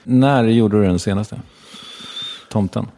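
A man's voice: on the low side, dark tone. A man interviewing a guest in casual chat, prompting with short questions.

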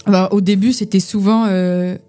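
Speaking with a steady, mellow, mid-range voice at a moderate pace, a young actress and poet from France's Vosges region chats about acting as a podcast guest. Faint music plays at this informal get-together over beer, and she restarts often and uses many fillers.

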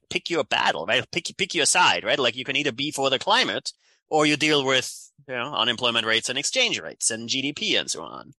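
In a dry recording, a man in his forties from Austria talks in a mid-range voice with an Austrian accent. He's a climate economist, lively in a conversational interview, tacking "right?" onto many of his sentences.

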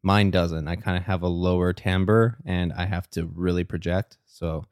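A man co-hosting a podcast in casual chat, his voice a little strained, telling stories in a relaxed, rambling way. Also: low voice, normal speed, clean tone, no echo, clean studio sound. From Canada. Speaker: podcast co-host.

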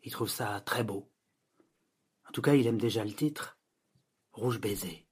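Casting: male audiobook narrator, husky timbre, even and measured. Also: medium pitch.

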